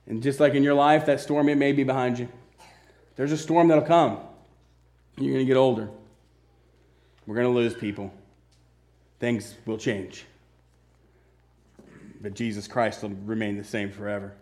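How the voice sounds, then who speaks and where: A man preaching a sermon, swinging between loud, emphatic bursts and hushed, slow, earnest lines. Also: on the high side.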